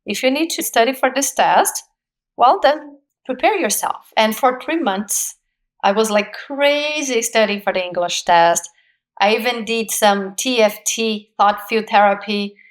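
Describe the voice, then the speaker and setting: A Brazilian actress in her forties, appearing as an interview guest, speaks English with a Brazilian Portuguese accent in a voice on the high side at a measured pace. She tells her story with lively energy, laughing often and acting out the voices she quotes in this casual conversation.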